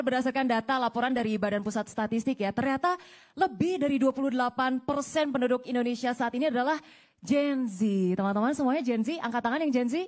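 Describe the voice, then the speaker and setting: A young woman hosting a live campus talk show on stage, bantering and teasing the student audience. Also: on the high side. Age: young adult. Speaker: event host.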